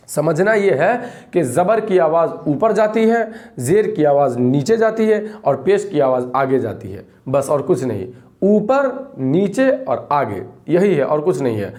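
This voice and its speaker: A male Quran reading teacher who drills each syllable slowly and repeats it, then explains in a calm recorded lesson. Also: a little high.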